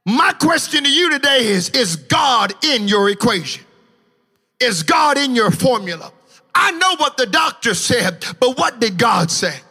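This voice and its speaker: A man preaching a sermon in a church, passionately shouting in a sing-song preaching cadence. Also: extremely high pitch, very animated, measured pace, husky, big-room sound, soft background music. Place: church sanctuary.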